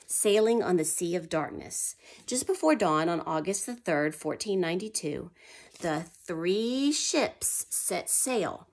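A woman with a fairly low, slightly mellow voice reads history aloud to young children. She pauses to pose questions and answer them herself, and drops to a whisper at suspenseful moments.

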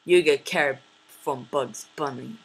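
A woman giving casual commentary over a game she is playing, excitable, often repeating words and laughing. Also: deep voice, a little slow, husky.

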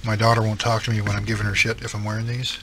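Racing along in a fairly low, level voice on a very noisy recording, a middle-aged man with an East Coast Canadian accent chats casually about scale modelling for his channel. He rambles, says um often, and makes self-deprecating remarks.

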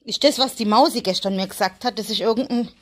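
A woman's voice: on the high side, fast, background noise. A woman filming a casual vlog in a stable, chatting to the viewer and coaxing her animals in a sing-song voice. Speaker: vlogger.

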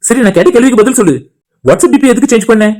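Cartoon role: a man doing a blunt, irritable young brother, high-pitched, fast. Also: animated, darkish tone, faint music behind. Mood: irritated. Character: protective older brother, short-tempered young man. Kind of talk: cartoon voice acting.

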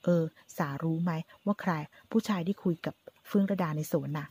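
A woman's voice: fairly low pitch, a little fast, warm tone, slightly rough. A woman narrating a drama novel aloud, reading the narration and voicing all of the characters' lines herself. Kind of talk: audiobook narration with character dialogue.

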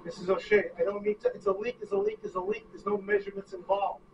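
An actor playing a brash, foul-mouthed man rushing to catch a plane, talking in a pushy, rapid-fire way. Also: sits high, huge pitch swings, heavily acted. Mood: on phone. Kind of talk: indie film acting. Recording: distant, dull, noisy lo-fi recording.

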